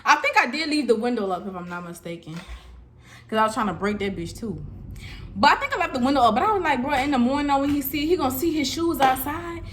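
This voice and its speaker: A young woman telling a casual storytime vlog, animated and laughing as she talks straight to her viewers. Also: high-pitched, quick pace, a little hiss or hum. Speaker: vlogger.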